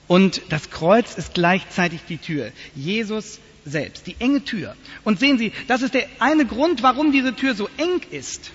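A man preaching a sermon to his congregation in a church, telling stories in a lively, animated way. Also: high-pitched, slightly rough. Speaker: pastor. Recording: dull lo-fi sound, long church reverb.

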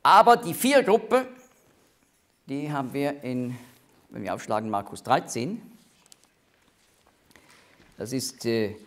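A man's voice: mid-range voice, animated, slow, pauses often, fairly bright tone. A man teaching a Bible study, explaining names and passages with emphatic rises.

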